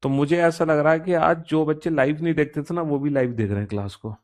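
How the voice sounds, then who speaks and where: A man's voice: a little high, fast talker, a little mellow. A man with an Indian accent teaching a live online reasoning class, chatty and playful, joking with students between explanations.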